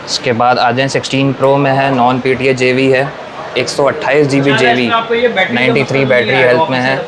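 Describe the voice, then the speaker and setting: Male Pakistani seller, mid-pitched and even-toned, repetitive price-list pitch, noisy room. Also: normal speed. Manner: repetitive, salesman-like patter. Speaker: phone shop seller. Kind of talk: sales pitch listing models and prices. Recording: noisy room with clear background noise.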